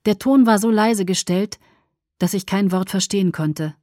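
A woman reading a novel aloud as audiobook narrator, in even storytelling narration. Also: mid-range voice, normal speed, no room sound, clean studio sound. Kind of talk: scripted narration.

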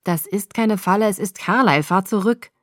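A woman's voice: mid-range voice, moderate pace, dry recording, clean studio sound, close to an everyday voice. A woman voicing an anxious young woman who pleads urgently. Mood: pleading.

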